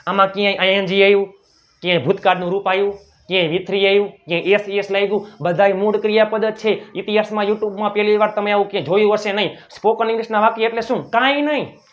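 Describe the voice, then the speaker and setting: A high-pitched English teacher with a Gujarati accent runs a spoken English lesson, drilling short phrases and saying each more than once. He talks fast with fairly even intonation. The sound is dull and muffled.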